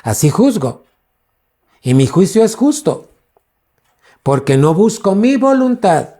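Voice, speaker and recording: A man's voice: sits high, sing-song, takes it slowly, dark tone. A man, a pastor preaching a teaching sermon and quizzing his congregation with questions.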